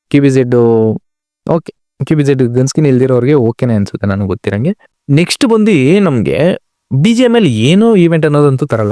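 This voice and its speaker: As a channel host, a man chats informally and directly to viewers about game updates, mixing in English words. His mid-range voice is warm, and the recording is dry and studio quality.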